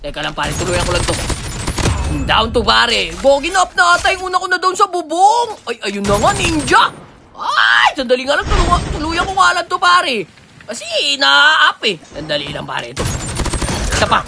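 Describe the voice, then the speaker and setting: A woman from the Philippines giving excited, slangy live gameplay commentary, often shouting and laughing. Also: high-pitched, normal speed, gravelly, noisy background. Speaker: gaming streamer. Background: game music and sounds.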